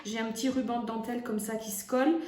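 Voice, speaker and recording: Woman, crafts tutorial host, chatty and hesitant, fairly high voice, echoey room. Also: level tone, fast talker, darkish tone. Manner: chatty, many hesitations and restarts.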